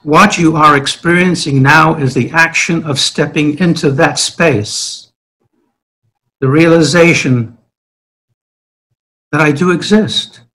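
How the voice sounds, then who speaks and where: A man's voice: fairly high pitch, exaggerated voice. A man voicing a grieving, loving God. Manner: gentle, sorrowful pleading. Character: God, a loving, grieving fatherly male deity.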